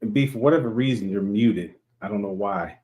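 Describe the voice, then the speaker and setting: A man's voice: lowish voice, fairly quick, a little mellow. A man co-hosting a podcast, telling a story in casual chat and acting out the dialogue over a remote call. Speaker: podcast co-host.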